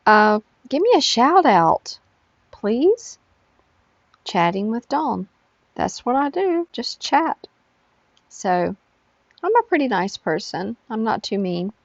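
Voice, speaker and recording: A middle-aged woman vlogger chatting casually to her viewers, tired and rambling slowly with lots of fillers. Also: a little high, sing-song, no room sound. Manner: slow, drowsy rambling with frequent fillers. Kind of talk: casual chat to camera. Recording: dull, lo-fi sound.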